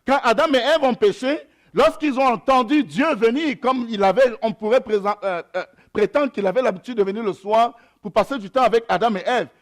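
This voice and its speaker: His voice is very high as he reads scripture at a slow pace, then preaches with pauses and recurring phrases. The speaker is a young adult male pastor whose first language is an African mother tongue, and this is a sermon.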